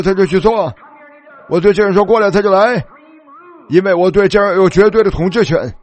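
Fervent preacher guy, pretty high voice, gets shouty, sounds like an old radio recording. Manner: fervent, rising to shouts, retelling scripture dramatically. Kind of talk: sermon.

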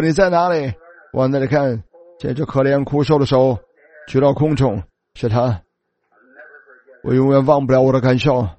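Mellow-voiced man telling a sermon testimony. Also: medium pitch. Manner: starts many sentences with a filler word; earnest storytelling, voicing quoted people. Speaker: preacher. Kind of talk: first-person sermon testimony.

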